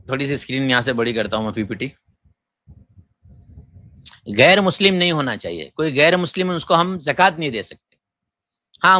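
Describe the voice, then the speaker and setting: Male mufti, slightly high, sharp-toned voice; forceful scolding lecturer. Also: dry recording, clean studio sound. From Gujarat, India. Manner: forceful, scolding, many rhetorical questions. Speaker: mufti teaching Islamic law. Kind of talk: lecture on religious rules.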